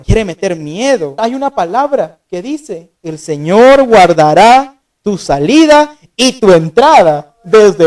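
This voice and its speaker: A man's voice: extremely high pitch, a little mellow, distant mic. A man preaching a sermon who keeps asking his congregation rhetorical questions and acts out the scripture he quotes. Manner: acts out biblical quotes with raised voice.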